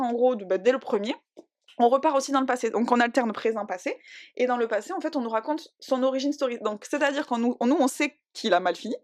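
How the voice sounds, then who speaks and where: A young woman chatting casually about books she loved, rambling with lots of fillers and restarts. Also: a little high. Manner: rambling, animated, many fillers and self-corrections, laughs often. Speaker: book vlogger. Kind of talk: casual chatty book review.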